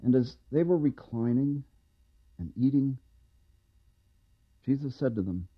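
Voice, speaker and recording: A man giving a slow, expressive scripture reading. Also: slightly rough, dry recording, narrow, tinny audio. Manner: slow expressive reading with wide pitch swings. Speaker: reader.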